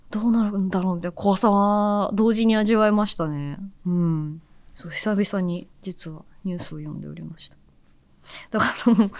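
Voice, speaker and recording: A woman in her thirties hosting a radio show, chatting casually and softly, often dropping into near-whispers, and reading listener letters. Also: mid-range voice. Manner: chatty, soft-spoken, drops into near-whispers. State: recovered from nasal congestion. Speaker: radio host and TV announcer.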